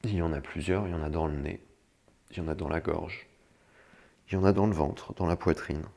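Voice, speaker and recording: A man with a gravelly, creaky voice giving step-by-step instruction as a guide for a breathing meditation. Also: deep voice, steady tone, a little fast, mellow.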